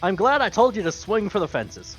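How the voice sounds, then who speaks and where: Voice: mid-range voice, sing-song, brisk, soft background music, rough recording. A player in a tabletop role-playing game, chatting casually with dry asides.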